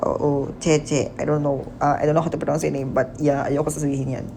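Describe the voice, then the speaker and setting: A man's voice: fairly high pitch, flat delivery, brisk, gravelly, mellow, slight background noise, low-quality recording. A young man chatting casually on a phone livestream. He teases his viewers playfully and often laughs at himself. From Philippines. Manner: playful, teasing, laughs at himself, mixes Tagalog and English.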